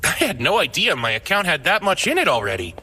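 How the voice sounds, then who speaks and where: A man voicing a cocky, wry young fighter hero in an animated, overacted anime dub style. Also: fairly high pitch, quick pace, a little hiss or hum, exaggerated voice. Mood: relieved, musing.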